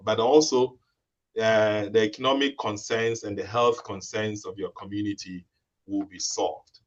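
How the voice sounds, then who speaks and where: A young man from Ghana, a researcher, speaking haltingly with many restarts on a video call. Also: fairly low pitch, lo-fi sound. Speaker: researcher and webinar participant. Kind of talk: explaining a role-play and introducing himself.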